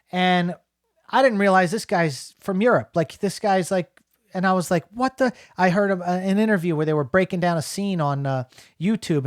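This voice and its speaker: A man's voice: sits high, no echo, clean studio sound. A middle-aged man from New Jersey giving a casual, rambling spoken film review, full of fillers and restarts.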